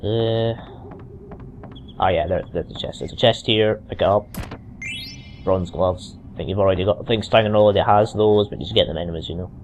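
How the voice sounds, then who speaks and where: A man's voice: fairly low pitch, fairly quick, pauses often, a little mellow, lo-fi sound, slight background noise. A man with a mild Scottish accent rambling through casual gameplay commentary, full of restarts and asides, on a cheap microphone. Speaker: let's play commentator.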